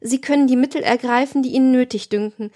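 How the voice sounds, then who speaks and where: A woman's voice: high voice, steady tone, quick pace, mellow, pitched above the performer's own voice, close to an everyday voice. A woman voicing a pious young servant in an audiobook, earnest and deferential. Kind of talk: audiobook reading.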